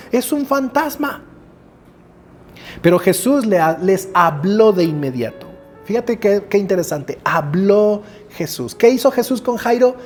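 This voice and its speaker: A male pastor preaching a sermon to his congregation, speeding up and then slowing to soft, drawn-out phrases. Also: sits high. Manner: expressive preaching, swings from quick to slow and soft, addresses congregation.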